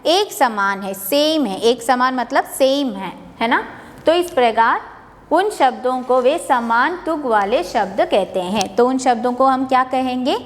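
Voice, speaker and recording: Slow, patient woman teacher, high voice. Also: lively intonation, big-room sound. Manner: slow, patient, asks questions and answers them; mixes English words into Hindi. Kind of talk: classroom lesson explaining a poem.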